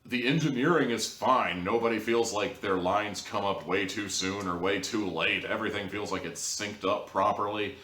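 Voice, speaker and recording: With a deep, slightly bright voice, a man reviews audio dramas to camera as a video host, casual and opinionated, full of wry, joking sarcasm. The recording sounds roomy and echoey, with him sitting far from the mic.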